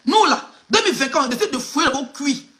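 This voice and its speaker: Fast-talking with lively intonation, this woman has a high voice that's a bit bright. She's an Ivorian gossip blogger commenting live in Ivorian-accented French, mocking and emphatic, addressing her subject directly.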